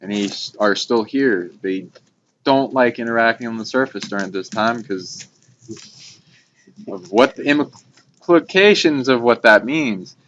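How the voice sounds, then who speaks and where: This talk show co-host has a mid-range, slightly bright voice, expressive and measured in pace, and he rambles in an informal, enthusiastic way through a casual spiritual conversation. The informal fireside recording is muffled and lo-fi, with background noise plainly audible.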